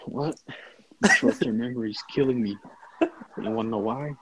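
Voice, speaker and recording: A man's voice: medium pitch, moderate pace, husky, no room sound. A young man joining a podcast chat, teasing and joking, heard over dull call audio. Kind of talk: casual chat.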